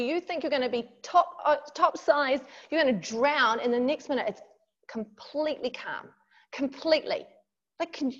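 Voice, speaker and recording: A woman leading a devotional workshop on a video call, reading scripture and retelling it in an earnest, vivid way. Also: sits high. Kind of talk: devotional talk with Bible reading. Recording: dull lo-fi call audio.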